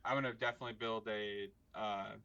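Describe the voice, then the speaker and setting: A man co-hosting a podcast, chatting casually and haltingly with lots of likes and restarts. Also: fairly low pitch, steady tone, sharp tone, smooth. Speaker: podcast co-host. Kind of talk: casual sports chat. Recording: dull lo-fi recording.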